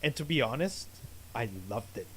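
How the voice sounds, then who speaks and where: A man co-hosts a podcast in casual chat, hesitant and stammering with frequent fillers and restarts. His mid-range voice is animated and a bit bright at a moderate pace, in a rough recording.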